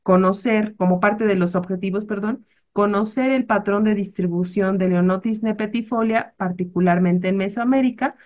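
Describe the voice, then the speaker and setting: A woman from Mexico, a botanist presenting a class project in a measured way, with fillers and self-corrections. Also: mid-range voice, a little mellow. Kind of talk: academic presentation.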